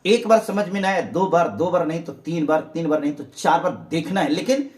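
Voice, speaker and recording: A man's voice: a little high, fairly quick, a little mellow. A man from India teaching spoken English in Hindi, earnestly urging viewers and drilling phrases by repetition.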